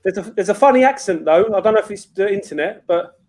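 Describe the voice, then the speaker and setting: High-pitched matey man. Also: expressive, fast, crowd noise. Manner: matey, rambling, sweary. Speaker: livestream host. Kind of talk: casual livestream chat.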